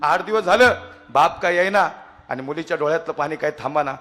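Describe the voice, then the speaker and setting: High-voiced preacher ringing through a hall. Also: male voice, a little fast. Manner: emotive storyteller, addresses listeners directly, swells into loud chanting. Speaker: kirtan preacher. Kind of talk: devotional kirtan sermon with storytelling. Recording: long reverb of a large hall.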